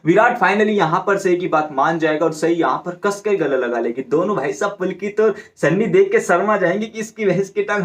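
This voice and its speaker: High-voiced chatty man recapping a serial. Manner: chatty, animated retelling with quoted lines and repeated catchphrases. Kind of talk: casual storytelling recap.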